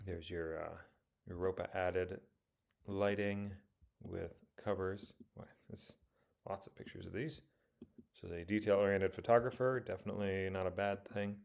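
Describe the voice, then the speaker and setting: A man casually talking through auction photos of a car, rambling and correcting himself with many pauses. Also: low voice, steady tone, creaky. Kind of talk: casual commentary over photos.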